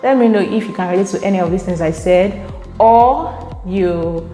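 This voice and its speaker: In a mid-range, mellow voice at a moderate pace, a young Nigerian woman speaks casually to her camera. Chatty and laughing often, she has a Nigerian accent and tends to repeat words while thinking. An echoey room and faint music fill out the recording.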